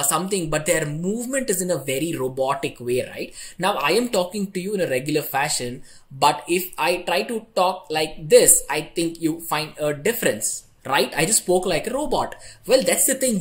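A young man teaching a tech tutorial in a chatty way, often checking in with "right?". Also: on the high side. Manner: conversational, ends points with "right?". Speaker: online instructor.

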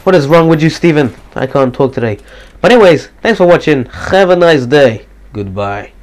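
Monotone, swearing gamer commentator man. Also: on the high side, brisk. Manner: slightly depressed, monotone, swears casually. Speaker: gaming commentator. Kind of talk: casual live gameplay commentary.

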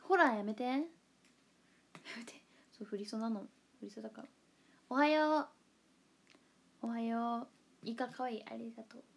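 A young Kansai woman, an idol livestreamer, chats playfully and reads comments aloud, giggling often and murmuring asides in her Kansai Japanese accent. Her voice is on the high side, brisk, gravelly and slightly rough, with fairly even intonation and long pauses.

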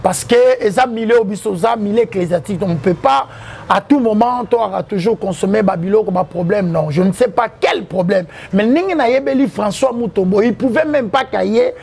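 Gravelly high-voiced man. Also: a little fast, a little mellow. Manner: preachy, cites the Bible. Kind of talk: interview mixing French and Lingala.

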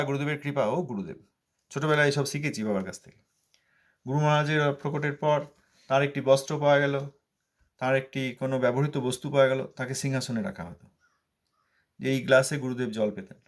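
A man giving a devotional sermon as a spiritual teacher, stressing points by repeating them and answering his own rhetorical questions. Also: mid-range voice. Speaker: spiritual teacher expounding scripture.

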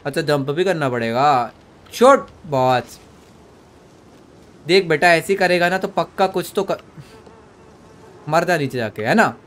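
A young man doing joking live commentary while streaming a horror game, mixing Hindi and English and yelling at the character on screen. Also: fairly high pitch, lively intonation, unhurried, pauses often. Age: young adult. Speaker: gaming streamer. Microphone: desk microphone.

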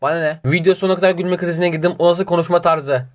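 A man's voice: fairly high pitch, steady tone, fast talker. A man reading viewer comments in a casual vlog, teasing and mock-indignant, muttering repeated filler phrases in a sing-song way.

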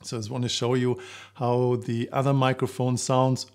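Middle-aged male coach, narrow pitch range, to-camera presentation, semi-scripted, pausing delivery. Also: flat delivery, a little mellow. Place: small living-room home studio indoors. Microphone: shotgun microphone just out of frame.

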